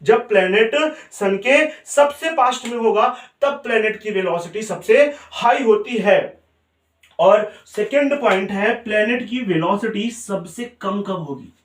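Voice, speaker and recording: A man's voice: high-pitched, measured pace. A man teaching a physics lesson, repeating each point and quizzing his students. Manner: mixes Hindi with English terms. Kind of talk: classroom lecture. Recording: roomy sound, mic set far off.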